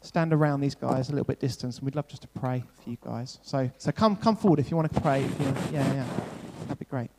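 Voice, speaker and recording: A church leader hosts an on-stage welcome, casually interviewing two newcomers and then praying over them, often saying "brilliant" and "yeah." He talks fast in a warm, mid-range voice with hardly any pauses. The church hall gives a long reverb tail, with slight background noise.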